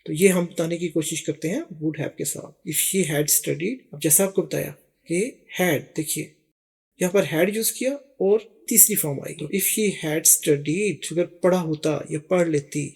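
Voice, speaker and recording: Husky high-voiced man teaching grammar. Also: darkish tone. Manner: slow, deliberate English examples between quick Urdu explanations. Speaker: English teacher. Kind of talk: explaining grammar to viewers.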